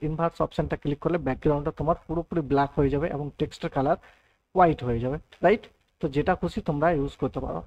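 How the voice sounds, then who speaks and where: Fast-talking man teaching software, lo-fi sound. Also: fairly high pitch, dry recording. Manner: explains step by step, often adds "thik ache" and "right". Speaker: computer tutor. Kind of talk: screen-recorded software tutorial.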